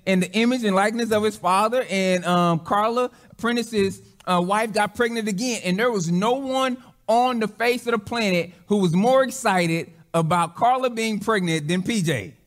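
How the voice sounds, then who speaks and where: A man's voice: high-pitched, moderate pace. A man, a pastor, preaching a sermon in a conversational way, often restarting phrases and acting out quotes.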